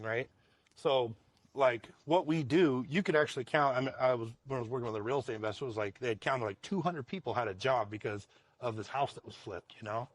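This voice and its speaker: A roofing company owner from Washington state, USA speaks in a mid-range voice over a dry recording. He responds to interview questions loosely and at length, with repeated words and frequent chuckles.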